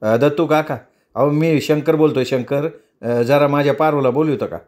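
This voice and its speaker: A man's voice: on the high side, moderate pace, a little mellow, natural voice. A male storyteller voicing an anxious working-class driver who pleads and argues his case.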